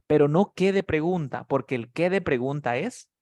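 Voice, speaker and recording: A man with a fairly high, darkish voice and lively intonation teaches beginners English online in a live class at a moderate pace. Patiently he repeats words and names students one by one to answer. His voice is close-miked and dry, with no echo.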